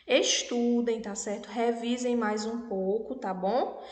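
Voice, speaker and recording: A Brazilian woman teaching an online lesson for young children, speaking patiently and spelling words out clearly, often checking in with the class. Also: a little high, steady tone, takes it slowly, darkish tone. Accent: Brazilian Portuguese. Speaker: primary school teacher. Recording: echoey room with long reverb.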